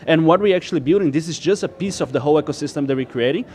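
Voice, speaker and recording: A man's voice: on the high side, rapid-fire, a little mellow, slight background noise. A man from Brazil, a startup co-founder, explaining his project as an interview guest in a loose, filler-heavy way. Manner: explanatory, loose, full of "like" and restarts. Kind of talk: casual tech interview.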